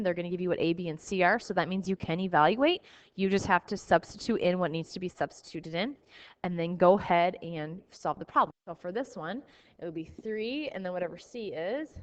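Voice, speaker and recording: A woman's voice: medium pitch, a bit bright. A woman teacher explaining math problems to her class, talking through each step aloud in a recorded lesson.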